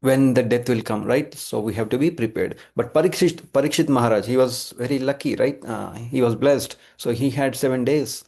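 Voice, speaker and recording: Indian accent guy leading a scripture class, kinda gravelly, halting delivery, checks in as he explains. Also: mid-range voice, darkish tone. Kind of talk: devotional lesson with verse recitation.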